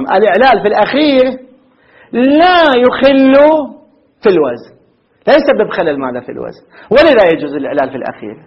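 A man teaching an Arabic grammar lesson. He asks questions and answers them himself, and he repeats words slowly with halting restarts. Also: sits high, lo-fi sound. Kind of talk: classroom lecture.

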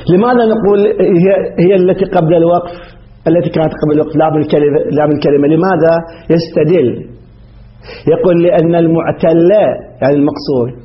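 A man teaching grammar, explaining slowly and asking the class questions he answers himself. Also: fairly high pitch, fairly even intonation. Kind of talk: classroom lecture on Arabic grammar. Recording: dull lo-fi recording.

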